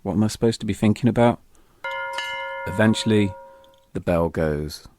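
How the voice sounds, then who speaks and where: A British man with a lowish voice narrates a scripted first-person audio drama at a moderate pace. His tone is wry and confessional, with music playing behind him.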